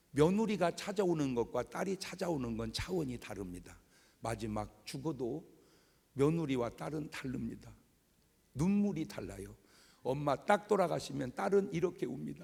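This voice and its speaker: A middle-aged man preaching a revival sermon as pastor, joking and acting out scenes in an animated way, in a large church sanctuary with an echoey hall. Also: a little high, vocal fry, slightly rough. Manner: animated, joking, acts out wailing mourners. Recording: echoey hall with long reverb.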